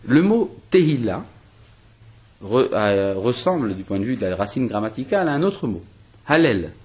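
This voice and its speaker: A man's voice: mid-range voice, big pitch swings, moderate pace, a little mellow, slightly rough. A man from Algeria, a rabbi teaching a spoken lesson, explaining step by step with rhetorical questions and frequent restarts. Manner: hesitant restarts and fillers while reasoning.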